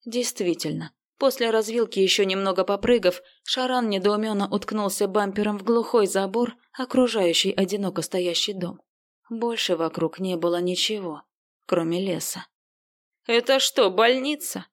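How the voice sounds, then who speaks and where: A woman narrates an audiobook. She reads in an even storytelling manner at a middle pitch. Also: normal speed. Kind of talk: scripted narration.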